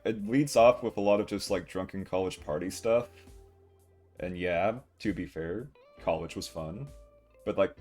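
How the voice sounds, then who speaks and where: Young man, low voice, casual livestream chat, rambling manner, guitar music behind. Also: a little mellow. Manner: rambling, chuckling, acts out short quotes.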